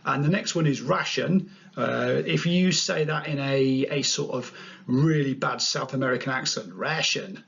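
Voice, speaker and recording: A man's voice: medium pitch, steady tone, normal speed, vocal fry, fairly bright tone. A man presenting a study tutorial in a playful, upbeat way. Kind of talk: narrated revision tutorial. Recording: dull lo-fi sound.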